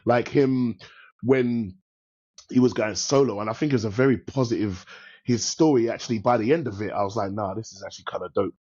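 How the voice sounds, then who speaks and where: A middle-aged man with a London accent co-hosting a casual film review chat, slangy and animated, repeating himself for emphasis. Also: mid-range voice, brisk, husky. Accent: British, London. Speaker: podcast co-host reviewing films. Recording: slightly dull, lo-fi sound.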